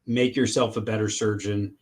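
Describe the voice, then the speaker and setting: Halting middle-aged man, interview answers. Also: fairly low pitch, flat delivery. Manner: halting, many restarts and fillers, laughs often. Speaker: interviewed surgeon.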